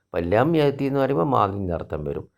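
A man's voice: medium pitch, big pitch swings, quick pace, vocal fry. A male Arabic teacher who reads Arabic phrases aloud one by one and then translates and explains each. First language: Malayalam. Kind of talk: recorded grammar lesson explaining exercises.

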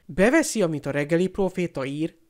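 A man's voice: a little high, a little mellow, close to an everyday voice. A man voicing an angry teenage boy wizard who snaps back with raised, sarcastic retorts.

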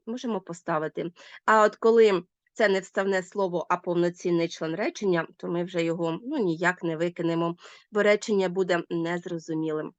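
A woman teacher giving a recorded video lesson to schoolchildren, with emphatic, lively teacherly intonation as she addresses her pupils. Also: a little high, no room sound, lo-fi sound.

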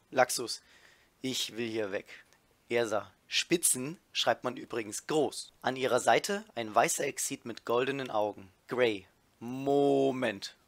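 A man reading a fanfiction aloud in a deadpan way, naming each character before their line and adding mocking comments. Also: mid-range voice, no room sound. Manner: reads character names as tags before lines, dry deadpan delivery. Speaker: reader of a fanfiction riff.

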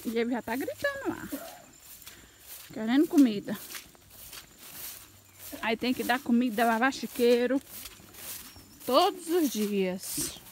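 A woman's voice: very animated, slow, pauses often, darkish tone, slight background noise. A woman chatting casually while filming her daily farm chores outdoors on her phone, calling out to the animals. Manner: chatty, calls out to animals in a high sing-song voice. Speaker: vlogger. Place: outdoors on a farm, pigsty and yard. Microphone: phone camera held by the speaker.

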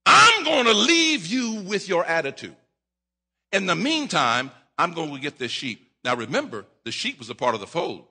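A middle-aged man preaching a sermon at a lectern, acting out voices, repeating himself and rising to shouts. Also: high voice, sing-song, normal speed, breathy edge. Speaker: pastor. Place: church sanctuary at a lectern. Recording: long reverb of a church hall.

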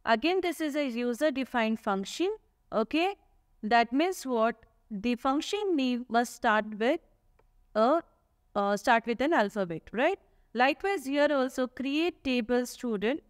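A woman's voice: high voice, lively intonation, a little slow, smooth, no echo, studio quality. A woman teacher narrates a slide lesson, explaining patiently, asking herself questions and often adding "okay?". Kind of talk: slide lecture. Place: voice-over on slides.

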